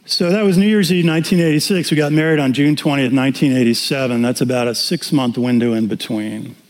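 A man in his sixties, a pastor preaching a sermon and telling personal stories with animated humor. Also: medium pitch, fast talker. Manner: animated storytelling, acting out dialogue with humor. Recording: reverberant hall.

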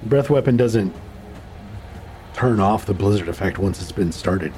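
Animated male game master over music. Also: lowish voice, measured pace. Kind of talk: casual tabletop game narration.

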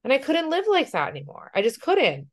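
A woman's voice: sits high, huge pitch swings, brisk. A woman life coach talking through a casual podcast monologue in an earnest way, often checking in with "right?".

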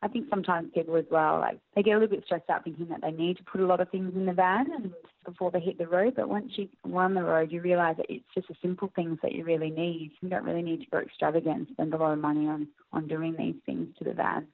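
A young woman, soft and reflective, speaking in a personal interview and laughing often. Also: fairly low pitch, fairly even intonation, fast, dry recording. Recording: tinny phone-like audio, faint music.

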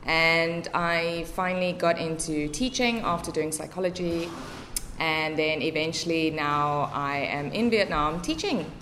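A woman's voice: deep voice, measured pace, a bit bright, slight background noise. South African woman, chatty podcast guest. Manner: chatty, many fillers. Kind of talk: casual podcast interview.

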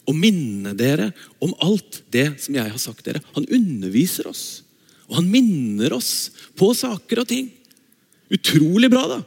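A man's voice: sits high, vocal fry. Enthusiastic male preacher in an echoing hall. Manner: enthusiastic, exclaims, shifts between slow reading and quick asides. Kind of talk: sermon with Bible reading. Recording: long reverb of a large hall.

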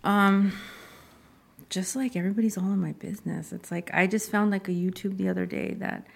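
A woman's voice: mid-range voice, steady tone, fairly quick, vocal fry. A young woman, a social media creator, chatting casually as an interview guest, trailing off with lots of fillers.

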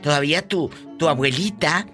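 A man's voice: a little high, normal speed, bright, forceful tone, soft background music. A man with a Mexican accent hosting a radio call-in show, campy and teasing, laughing often. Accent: Mexican Spanish. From Mexico, Tamaulipas. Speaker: radio host. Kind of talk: flamboyant radio call-in banter.

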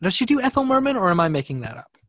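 A man's voice: high voice, sing-song, rapid-fire, fairly bright tone, no room sound, studio quality. A man guesting on a casual film podcast, talking in an easygoing, thoughtful way with small stumbles.

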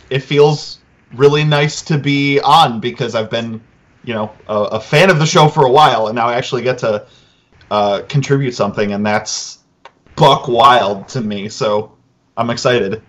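A man's voice: medium pitch, measured pace, a bit bright. Guest, male, mid voice, shy and amused, video call. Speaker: podcast guest. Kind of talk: casual chat on a video call.

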